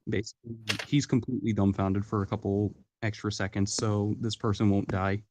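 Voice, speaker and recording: A man's voice: lowish voice, little pitch movement, a little fast, a little mellow. A young man playing in a tabletop game, explaining his plans hesitantly with many fillers. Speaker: player. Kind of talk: casual tabletop game talk.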